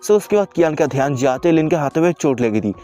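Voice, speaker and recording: A man narrating an anime story recap in casual Hindi-Urdu, rapid and chatty, often starting lines with "so". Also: a little high, lively intonation, dark tone, faint music behind. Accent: Hindi-Urdu speaker, mixes in English words. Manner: rapid, chatty, keeps repeating "so".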